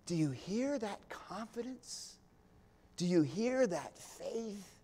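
Male pastor, slightly high voice, slow deliberate sermon, whispers that build to passionate loud peaks, folksy asides. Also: expressive, slightly rough. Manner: swings from hushed near-whispers to loud impassioned climaxes, drawn-out pauses; folksy, with small laughs and asides. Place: church sanctuary.

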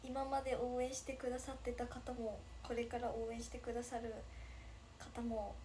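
Her voice is fairly high with little pitch movement, warm in tone and at normal speed, with slight background noise. She's a twentysomething idol livestreamer from Nagasaki, Japan, chatting casually in the local dialect as she reads viewer comments, giggling and bubbly.

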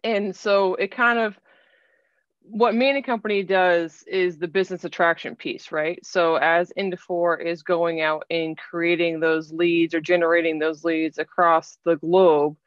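A woman in her thirties giving an online webinar presentation from a small room, explaining things in a measured way with some fillers. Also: fairly low pitch, steady tone, no room sound. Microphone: laptop webcam video call. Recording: dull, dry video-call audio.

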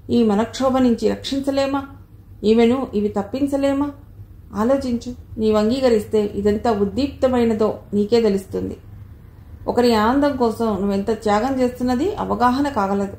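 A woman reading a short story aloud in a measured, expressive way. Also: on the high side. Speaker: story reader. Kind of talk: audiobook narration. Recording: roomy echo.

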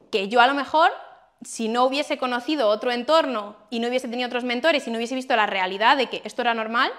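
A woman's voice: fairly high pitch, fairly bright tone. A young woman with an accent from Spain giving a casual workshop talk, swearing freely and acting out quoted dialogue. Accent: Spain Spanish. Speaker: workshop speaker.

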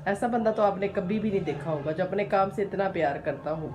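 A woman's voice: medium pitch, fairly quick, a little mellow, a little hiss or hum. A woman with a Pakistani Urdu accent, playfully teasing a toddler in a sing-song voice while filming a home vlog. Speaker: vlogger. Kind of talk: playful baby-talk narration to a child. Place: home during a power cut.

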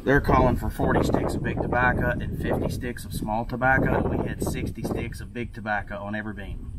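A man's voice: medium pitch, fairly even intonation, a little fast, heavy background noise. A man with a Kentucky accent, a tobacco farmer, explaining how his barn was built in a practical, detailed way as he walks through it. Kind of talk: casual explanatory walkthrough. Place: outdoors in an open tobacco barn.

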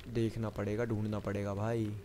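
A man's voice: on the low side, level tone, moderate pace, warm tone, a little hiss or hum. A man giving running commentary on a horror game, chatting to himself and the viewer and breaking into panicky bursts when the enemy shows up. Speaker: gamer.

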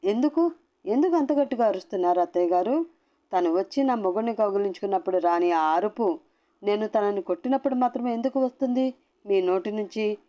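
A woman's voice: lowish voice, normal speed, natural voice. A woman voicing a fierce young wife who scolds bluntly and confronts her family in a storybook reading. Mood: confrontational. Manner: sharp, scolding.

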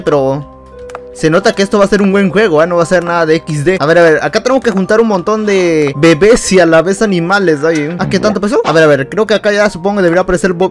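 A man giving excitable, rambling gameplay commentary, laughing often. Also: high-pitched. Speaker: YouTuber. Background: game music.

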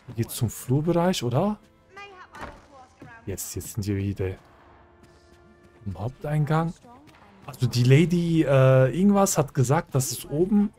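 Casting: Let's-Player, Mann, locker und verspielt, redet mit Spielfiguren. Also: male voice, medium pitch, expressive, a little slow, pauses often, mellow, faint music behind. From German-speaking country. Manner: chatty and joking, talks to game characters. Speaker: let's play host. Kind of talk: casual gameplay commentary.

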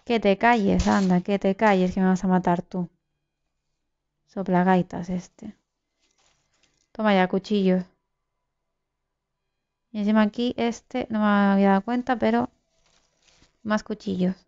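Excitable woman gamer, smooth voice. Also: medium pitch, unhurried, long pauses, highs cut off. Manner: excitable, swears, talks to viewers. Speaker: gaming YouTuber. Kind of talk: live gameplay commentary.

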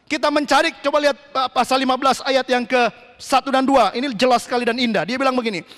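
A man preaching a sermon as pastor, with sudden shouted lines and English phrases mixed in. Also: very high voice, steady tone, quick pace. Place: church hall. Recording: long church hall reverb.

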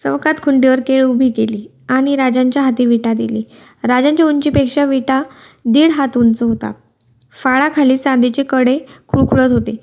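A woman's voice: high-pitched, fairly even intonation, normal speed, darkish tone. A woman reading a historical novel aloud, voicing the dialogue with light inflection. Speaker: novel reader.

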